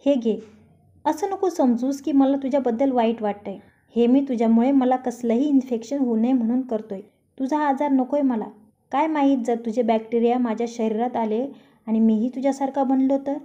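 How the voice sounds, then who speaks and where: A woman's voice: high voice, normal speed, mellow, dull audio, natural voice. A woman voicing a grumpy, sarcastic young man. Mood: irritated sarcastic. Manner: taunting, sarcastic. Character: young man, grumpy, teasing, quick to snap.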